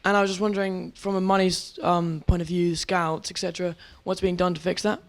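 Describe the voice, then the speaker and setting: A man's voice: high-pitched, level tone, fairly quick. A man, a supporter, asking a question at a fans forum, polite but persistent.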